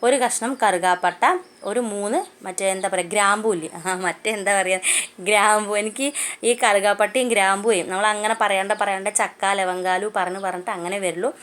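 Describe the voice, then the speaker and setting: A fast-talking woman with a Malayali accent walks viewers through a home recipe in a chatty, homely way, sprinkling friendly asides through her steps. Her voice sits at a middle pitch, and she is recorded on a phone in her home kitchen. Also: fairly even intonation, a bit bright. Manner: chatty, homely, keeps adding "kettō" asides. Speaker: cooking channel host. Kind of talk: casual cooking vlog narration.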